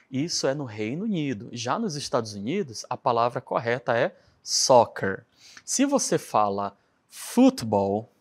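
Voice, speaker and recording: A Brazilian man with a Brazilian Portuguese accent, teaching a chatty English lesson and checking in often with his class. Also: medium pitch. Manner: chatty, animated, keeps checking in with "né?".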